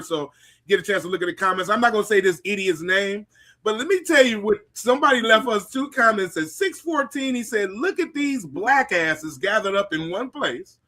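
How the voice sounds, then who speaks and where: A high, very bright man's voice cuts through a casual group chat. He speaks emphatically and gets loud and indignant in bursts. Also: expressive, fairly quick. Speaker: comedian and show regular.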